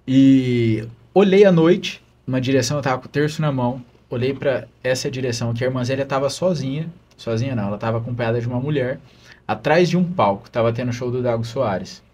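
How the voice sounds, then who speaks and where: A man's voice: mid-range voice, brisk, a little mellow. A man, a religious brother, telling an earnest, emotional story of his calling in a podcast interview.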